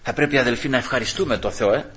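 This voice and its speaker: Guy giving a fiery sermon, bright sharp voice, keeps crying out praise. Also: medium pitch. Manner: impassioned, rising to cries of praise. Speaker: preacher. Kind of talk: evangelical sermon.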